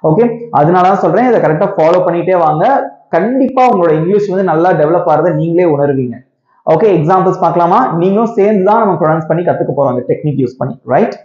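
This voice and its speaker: A man leads a pronunciation lesson in a mellow, slightly raised voice, repeating each sound for his learners and checking in with "okay?" and "right?". The room is roomy and echoey, and the recording sounds dull and lo-fi. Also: high-pitched, expressive, fast. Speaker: English pronunciation teacher. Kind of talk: classroom-style pronunciation lesson.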